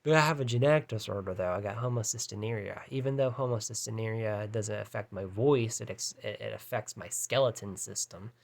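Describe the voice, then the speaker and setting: A man's voice: fairly low pitch, fairly quick, gravelly, few pauses. A man in his thirties talking to camera in a rambling, hesitant way, full of fillers and restarts. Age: 30s. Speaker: vlogger. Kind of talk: casual rambling monologue.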